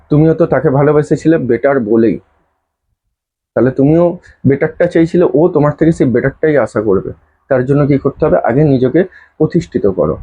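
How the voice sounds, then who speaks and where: A man giving earnest spiritual advice straight to his viewers, explaining a ritual step by step and slowly chanting a mantra. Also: mid-range voice, breathy edge, narrow, tinny audio. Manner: earnest, instructive, addresses viewers intimately. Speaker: astrology and spell advisor. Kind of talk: direct-address advice video.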